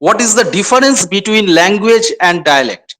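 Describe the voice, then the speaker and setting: A man from West Bengal giving a lecture to students, repeating key phrases and speaking to them directly in a measured, explanatory way. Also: sits high, sing-song, fairly bright tone. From West Bengal, India. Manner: measured explanatory delivery with pauses. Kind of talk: online lecture.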